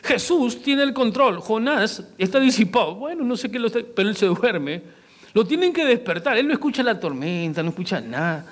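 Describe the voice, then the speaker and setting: A man with a high, light voice preaches a sermon to his congregation. He keeps asking them questions. He slips into little acted voices whenever he quotes someone. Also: sing-song, moderate pace. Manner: acts out quoted lines in varied voices. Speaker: pastor.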